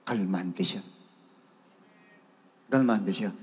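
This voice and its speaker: A Filipino man preaching a sermon, dramatic, swinging from shouts to hushed asides, in a church hall. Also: sits low, extremely slow. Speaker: pastor. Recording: long reverb of a church hall.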